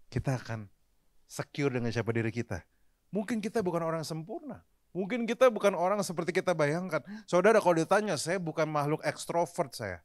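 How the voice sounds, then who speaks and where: A man's voice: on the high side, animated, brisk, dry recording, clean studio sound. Casual conversational male pastor preaching. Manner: conversational preaching, often dropping English phrases into his talk; addresses the congregation directly and often. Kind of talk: sermon. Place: church service, recorded live.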